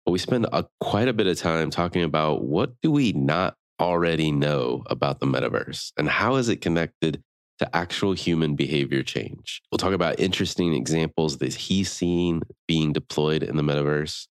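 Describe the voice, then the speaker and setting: Deep-voiced male podcast host, smooth practiced reads, dry close mic. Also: moderate pace, dry recording.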